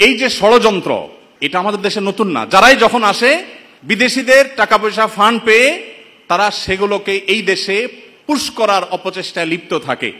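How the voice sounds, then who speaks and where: Indignant high-voiced preacher in reverberant hall. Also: male voice, a little fast, bright, forceful tone, slight background noise. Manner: rhetorical, indignant, addresses listeners as brothers. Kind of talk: impassioned sermon-style commentary. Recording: long reverberant hall sound.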